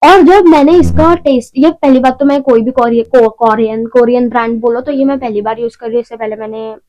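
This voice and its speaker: A woman's voice: on the high side, brisk, warm tone, dull audio. A young woman talking casually through a beauty haul at home, chatty and rambling with self-mocking asides. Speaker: beauty vlogger. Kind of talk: casual shopping haul vlog.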